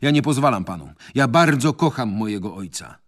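A man's voice: medium pitch, lively intonation, moderate pace, close to an everyday voice. A man voicing a proud, easily offended young German man in a radio reading of a novel. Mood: indignant. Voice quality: earnest, indignant.

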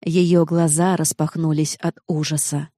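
A woman reading a novel aloud in the first person, steady and expressive. Her voice is mid-pitched and mellow, heard close and dry with no room around it. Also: measured pace, no room sound. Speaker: narrator. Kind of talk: first-person audiobook narration.

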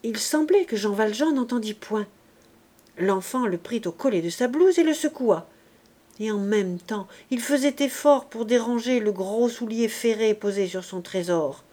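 Slow, measured woman audiobook narrator. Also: fairly high pitch. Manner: measured, expressive reading.

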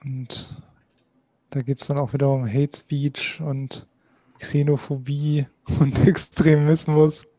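A man's voice: on the high side, slow pace, dry recording. A man co-hosting a casual political chat show, walking through material on screen. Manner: monotone, explains on-screen material. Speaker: podcast co-host.

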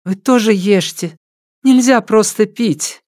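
A man's voice: high voice, takes it slowly, darkish tone, dry recording, studio quality, pitched above the performer's own voice. A man voicing a worried woman who talks in a fussing, insistent way. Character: worried woman, mother of the house.

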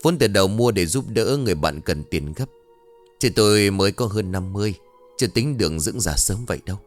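A man's voice: fairly low pitch, lively intonation, a little fast, soft background music, natural voice. A man voicing a flustered, polite man in his fifties who talks hesitantly and deferentially.

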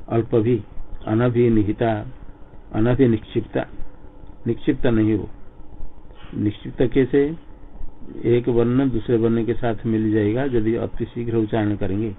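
A man with a low, gravelly voice gives a line-by-line commentary on a sacred text. He reads a phrase and then unpacks it at a measured pace. The sound is thin and phone-like, with faint hiss behind him. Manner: reads Sanskrit phrases then explains them slowly in Hindi. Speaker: scripture teacher. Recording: tinny phone-like recording with faint noise.

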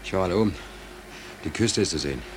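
A man's voice: low voice, lively intonation, quick pace, a little hiss or hum. An actor playing a worried ship's stoker in a radio drama, speaking hesitantly and repeating his words.

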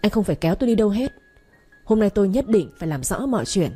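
A woman's voice: medium pitch, very animated, fast talker, warm tone, breathy edge. A woman voicing a hurt, furious young wife who accuses her husband in a raised voice, with faint music behind.

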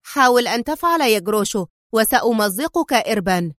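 A woman voicing a fierce, defiant female spy who snaps and shouts in high-pitched fury. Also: lively intonation, brisk, no echo, studio quality. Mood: furious.

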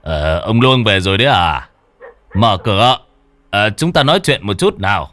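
A man voicing a middle-aged village chief who speaks in a measured, serious way. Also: on the low side, expressive, fairly bright tone. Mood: grave.

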